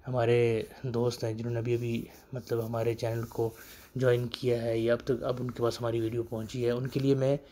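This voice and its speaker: A man who teaches Arabic phrases in a casual spoken lesson, slowing down to repeat each phrase for learners. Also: mid-range voice, completely flat delivery, mellow.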